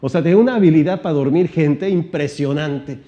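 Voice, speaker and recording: A man giving an animated seminar-style teaching talk, shifting his volume and pitch and asking many rhetorical questions. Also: brisk, highs cut off. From Mexico. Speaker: motivational trainer.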